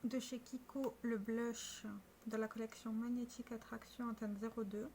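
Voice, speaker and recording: Woman beauty vlogger, casual product walkthrough, slightly high voice, faint room hum. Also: level tone, moderate pace, mellow. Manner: chatty, showing products to camera with small restarts. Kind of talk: casual makeup vlog.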